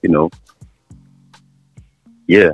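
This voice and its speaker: A man's voice: extremely slow, faint music behind. A man chatting casually as an interview guest on a phone call, slangy and laid-back. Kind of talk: casual chat.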